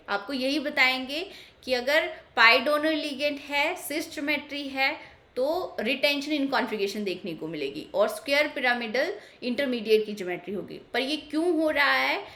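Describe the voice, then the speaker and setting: Bright-voiced woman teaching chemistry. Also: sits high, lively intonation, a little slow. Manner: patient, repeats key points, asks and answers own questions. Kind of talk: explanatory online lecture.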